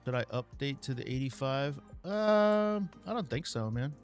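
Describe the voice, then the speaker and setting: A man with a mid-range voice hosts a casual live stream, answering viewer questions in a relaxed, unhurried way full of ums and uhs. Faint music plays behind him.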